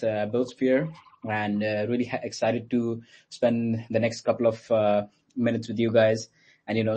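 A man's voice: on the low side, warm tone. A man from Pakistan, a guest in an online interview, explaining things patiently with many fillers. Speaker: guest explaining his company. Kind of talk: interview answers.

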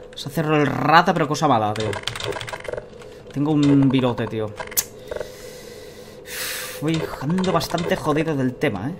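A man's voice: on the high side, normal speed, long pauses. A man in his thirties with an accent from Spain, giving casual, colloquial commentary while gaming, muttering to himself and viewers. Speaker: let's play host. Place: indoor room at a computer, webcam view. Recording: noisy game sound behind voice.

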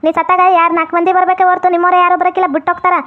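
A woman's voice: very high voice, monotone, rapid-fire, soft background music. A woman voicing a teenage granddaughter in college who complains and tattles, in a comedy skit. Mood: complaining. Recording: tinny phone-like sound.

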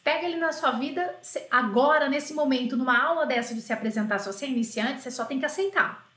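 High-voiced woman teaching French. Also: quick pace, a bit bright. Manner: drills phrases by repetition, coaxing and encouraging. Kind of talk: online language lesson. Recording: roomy echo.

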